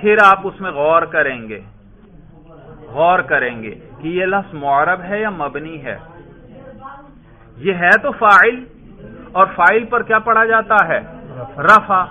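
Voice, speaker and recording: A man gives a classroom grammar lesson in a fairly high voice. He talks patiently and repeats himself, asks the students questions and answers them himself, and reads examples slowly and deliberately. The sound is thin and phone-like. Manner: slow, deliberate reading of Arabic examples. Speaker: Arabic grammar teacher. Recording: tinny phone-like audio.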